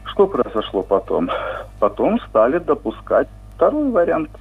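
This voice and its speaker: A man's voice: a little high, wildly swooping pitch, slightly rough. A man, a linguistics professor, calling in to a radio show and explaining a point at length with frequent hesitations. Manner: measured, lecturing with many hesitations. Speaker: linguistics professor, phone guest. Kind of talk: radio phone interview. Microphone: phone. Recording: tinny phone line with faint music.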